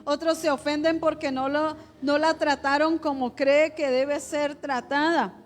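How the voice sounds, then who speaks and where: High-voiced woman pastor preaching. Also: steady tone, unhurried. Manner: conversational preaching with acted quotes and rhetorical questions. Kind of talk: sermon.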